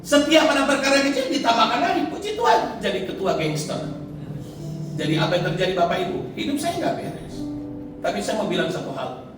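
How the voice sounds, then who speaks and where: Indonesian pastor man preaching, animated storyteller, very echoey church hall, music playing behind. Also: sits high, fairly quick, recorded from a distance. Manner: animated storytelling preacher, acting out quoted voices. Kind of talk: sermon.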